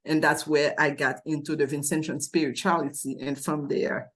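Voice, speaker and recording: A woman in her forties with a Haitian accent and a fairly low voice speaks as a guest in an interview. She is earnest and reflective, restarting her sentences now and then as she recalls her past. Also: fairly even intonation, normal speed. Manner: earnest, thoughtful, with frequent restarts.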